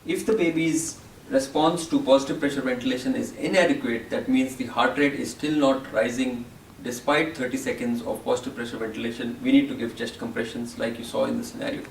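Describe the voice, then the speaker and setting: A man acting as a medical educator, calmly summarizing newborn resuscitation steps one by one. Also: medium pitch, fairly quick, creaky, roomy sound, far from the mic, a little hiss or hum, low-quality recording. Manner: calm, step-by-step explaining. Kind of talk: teaching summary.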